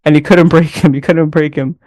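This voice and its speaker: A man's voice: fairly high pitch, steady tone, fairly quick, darkish tone, no room sound. Rambling man giving casual commentary. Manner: rambling, loose, sprinkled with "man" and "bro". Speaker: MMA commentator.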